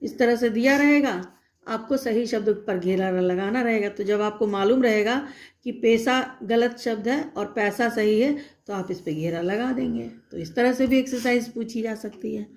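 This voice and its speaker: A woman teacher giving a slow, patient recorded lesson to young children, spelling out letters and checking in often. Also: fairly high pitch, darkish tone.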